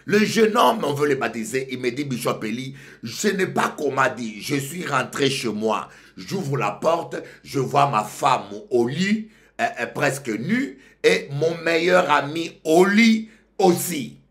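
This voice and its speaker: A male pastor from Congo, preaching a sermon that swings from loud outbursts to low murmurs. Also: animated, a little slow.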